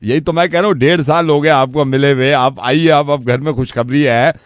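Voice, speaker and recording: A man playing a calm family doctor on a prank phone call, soothing and talking down to an upset caller. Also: fairly high pitch, fairly quick, clean tone, no room sound. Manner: calm, coaxing, talks down to the caller as "beta". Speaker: radio jockey making a prank call.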